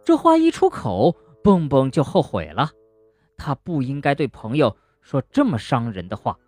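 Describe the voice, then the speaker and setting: A woman narrating a children's bedtime story gently and expressively, speaking to a young listener. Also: extremely low pitch, wildly swooping pitch, moderate pace, dry recording, soft background music.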